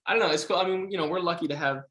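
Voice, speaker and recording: A man's voice: on the high side, racing, fairly bright tone. A young man, a musician guest, talking in an enthusiastic, gushing way with lots of "like". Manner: enthusiastic, gushing, heavy use of "like". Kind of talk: casual interview chat.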